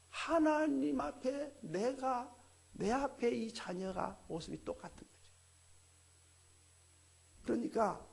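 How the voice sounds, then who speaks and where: Husky high-voiced Korean pastor preaching. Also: male voice. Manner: animated preaching with acted dialogue. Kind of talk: sermon.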